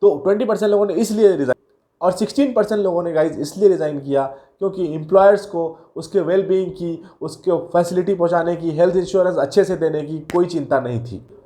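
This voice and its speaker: A man's voice: sits high, a little fast, warm tone. A man hosting a career video, explaining things to his viewers in a chatty way and mixing in English terms. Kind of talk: casual explainer talk to viewers.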